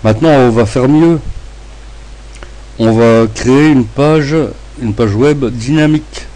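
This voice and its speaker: A man with a lisp that makes his s sounds slushy, narrating a step-by-step screencast tutorial in short, halting phrases. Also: mid-range voice, warm tone, rough recording. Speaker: tutorial presenter.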